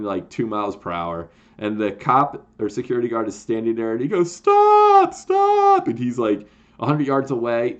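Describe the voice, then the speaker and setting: Rambling excited man, dull lo-fi sound. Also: medium pitch. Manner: rambling, excited, full of fillers and restarts. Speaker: YouTube host ranking horror films. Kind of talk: casual chat to camera.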